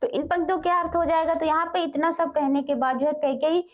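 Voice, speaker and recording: A woman teacher explaining Hindi poetry line by line for exam students, often adding "ठीक है", and reading the verses slowly. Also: very high voice, flat delivery, dull audio. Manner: repeats "ठीक है" and "क्या है" as fillers, reads verses slowly.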